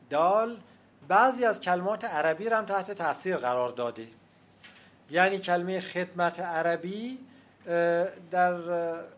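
A man giving an academic lecture, speaking in a measured, explanatory way and pausing often with hesitations. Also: a little high, fairly bright tone. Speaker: lecturer on language history.

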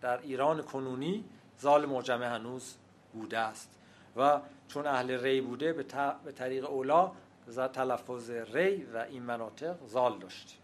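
A man giving an academic lecture, speaking in a measured, explanatory way and pausing often with hesitations. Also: medium pitch. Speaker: lecturer on language history.

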